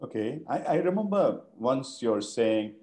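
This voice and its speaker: A man's voice: mid-range voice, very animated, measured pace, mellow. A man interviewing a guest over a video call, asking questions with hesitant restarts. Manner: hesitant, frequent restarts and fillers. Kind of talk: conversational interview.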